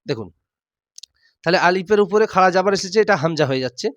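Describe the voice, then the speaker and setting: A man teaching Quran reading step by step, drilling letters aloud and slowly repeating each word. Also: high-pitched, lively intonation, dry recording. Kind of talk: step-by-step recitation lesson.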